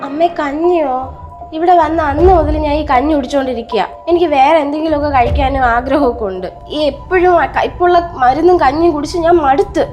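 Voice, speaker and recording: A woman's voice: high-pitched, fast, darkish tone, highs cut off, faint music behind, lightly acted. An actress in a short film drama, playing a weary young mother who pleads with her mother-in-law. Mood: aggrieved. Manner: pleading, aggrieved. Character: young new mother, exhausted and hurt. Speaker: daughter-in-law.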